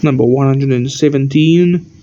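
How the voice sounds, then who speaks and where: A tired man who keeps yawning gives a rambling, halting show-and-tell of his toy collection as the channel host, pointing out details one by one. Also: mid-range voice, warm tone, a little hiss or hum. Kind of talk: casual show-and-tell narration. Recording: dull lo-fi recording.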